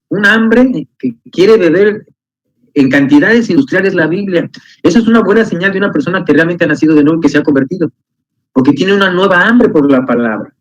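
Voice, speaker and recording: A man preaching a sermon to his congregation in an animated way, often restarting and repeating words. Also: high-pitched. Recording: muffled lo-fi recording.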